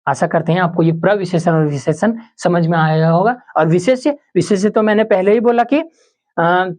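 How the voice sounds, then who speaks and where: A man teaching a Hindi grammar lesson for exam preparation, who keeps asking questions and answering them himself, repeating each example and slowing down on key terms. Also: a little mellow. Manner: slows down and drops low on key terms.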